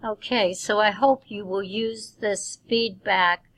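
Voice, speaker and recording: A middle-aged woman instructor giving recorded feedback on a business writing course, measured and dotted with ums. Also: mid-range voice, fairly even intonation, a bit bright, dry recording, rough recording. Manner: measured, with frequent um fillers.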